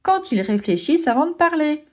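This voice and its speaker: A woman's voice: sits high, very animated, fairly quick, voice pushed up. A woman reading a storybook aloud, voicing a wise old male monkey giving a lesson. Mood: sage. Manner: sage, instructive.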